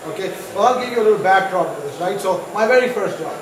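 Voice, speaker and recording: A man's voice: high-pitched, lively intonation, quick pace, crowd noise. A man from Pakistan telling his story as a guest on stage, chatty and self-mocking, with many fillers and restarts. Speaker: guest entrepreneur. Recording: distant mic, echoey room, noisy.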